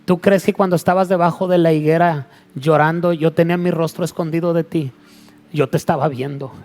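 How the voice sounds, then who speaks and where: A man's voice: fairly high pitch, fairly even intonation, a little fast, a little mellow, close to an everyday voice. A man voicing Jesus in a retold Bible scene, speaking in a tender, intimate way.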